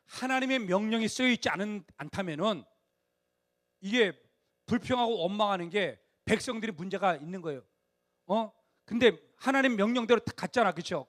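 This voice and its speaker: A middle-aged male pastor preaching a sermon to a youth congregation, animated and conversational, rising to near-shouts on key points. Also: high voice. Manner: acts out quoted dialogue in a conversational tone.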